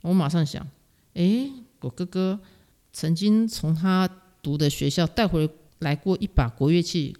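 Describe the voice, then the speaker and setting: A middle-aged woman speaks Mandarin with a Taiwanese accent, telling her stories as a guest in a relaxed interview. She is animated and self-mocking, and she laughs often between her lines. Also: deep voice. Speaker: guest, music teacher. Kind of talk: casual storytelling interview.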